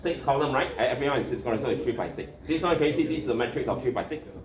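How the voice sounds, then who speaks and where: A man's voice: medium pitch, lively intonation, rapid-fire, slight background noise. Singaporean or Malaysian man teaching in echoey room. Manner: repeats words and phrases, checks understanding with tag questions. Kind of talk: hands-on coding lesson, explaining step by step. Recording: echoey classroom with chattering students. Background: students chatting.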